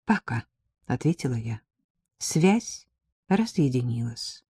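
Woman reading a novel aloud, mellow warm tone, dry close mic. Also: deep voice, animated, moderate pace, no room sound. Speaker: audiobook reader. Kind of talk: first-person audiobook narration.

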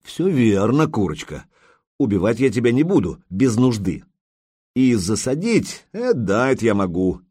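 A man playing a young warrior prince who speaks in a gruff, curt and mocking way. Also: mid-range voice, sing-song, measured pace, a little mellow, no room sound, studio quality.

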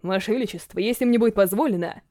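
A woman voicing an old male priest who speaks in a hushed, formal way in an audiobook reading. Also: medium pitch, fast talker, dry recording, studio quality, close to an everyday voice.

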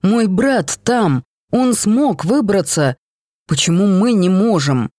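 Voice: medium pitch, a little slow, darkish tone, no echo, clean studio sound, close to an everyday voice. A reader voicing an angry young man who is desperate to find his twin brother, in an audiobook reading. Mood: agitated. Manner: outbursts of anger.

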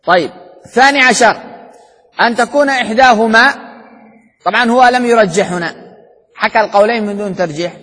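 A man's voice: high voice, a little fast, pauses often, fairly bright tone, slightly rough. A man teaching Islamic jurisprudence in a classroom lecture, who asks rhetorical questions, answers them himself and repeats key points. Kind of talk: classroom lecture explaining a text. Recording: hall reverb.

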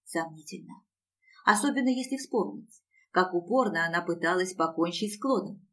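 A woman narrating an audiobook in a steady storytelling manner. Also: on the low side, normal speed. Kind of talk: scripted narration.

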